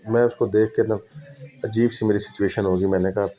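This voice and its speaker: A man telling a first-person spooky story in a dramatic, unhurried way, repeating phrases for effect. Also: lowish voice, fairly even intonation, mellow, soft background music.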